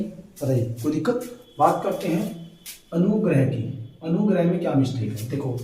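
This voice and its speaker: A male teacher with a fairly high, mellow voice in a very echoey room, heard from some way off the mic. He keeps checking in with his students and slows right down to stretch out each word he spells. Faint noise runs under the whole lecture. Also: far from the mic. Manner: repeats checks like "ठीक है" and "है ना"; stretches words out slowly to spell them. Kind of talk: exam-prep lesson.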